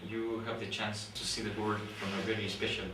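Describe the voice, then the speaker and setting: During an interview about his research, a young Guatemalan man pursuing a PhD in astronomy speaks thoughtfully in halting English, his second language, restarting often and leaning on fillers between pauses. His tone is level and his pitch lowish. A faint background noise and a distant, roomy sound mark the recording.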